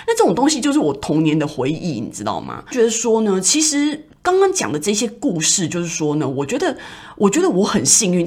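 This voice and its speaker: A woman's voice: low voice, breathy edge. A woman with a Taiwanese Mandarin accent, hosting a podcast and telling personal stories in a reflective, rambling way with many fillers. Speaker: podcast host. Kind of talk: casual personal storytelling.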